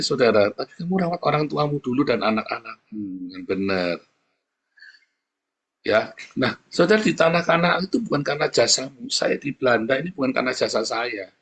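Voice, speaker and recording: A man preaching a sermon in a blunt, colloquial way, swinging between loud emphatic lines and soft asides to the congregation. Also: medium pitch, breathy edge. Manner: animated, swings loud and soft, addresses listeners as brothers and sisters.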